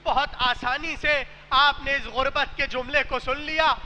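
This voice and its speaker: A man preaching a mourning sermon, telling a sad story softly and then rising into loud, wailing cries. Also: extremely high pitch, steady tone. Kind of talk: majlis sermon, recited with rising lament. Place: large mosque hall. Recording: echoey hall with faint noise.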